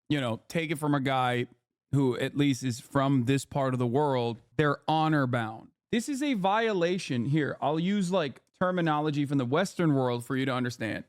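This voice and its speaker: Man, fairly high voice, heated, sarcastic, cursing streamer, dry close sound. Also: no echo. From Turkey. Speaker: streamer reacting to news clips. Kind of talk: live stream commentary.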